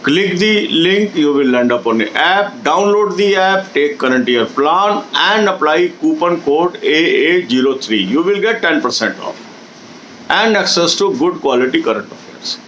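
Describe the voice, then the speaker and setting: A middle-aged man, coaching exam candidates in a steady, instructive talk. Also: a little high, very slow, muffled recording, slight background noise. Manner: steady, instructive, addresses viewers directly with advice.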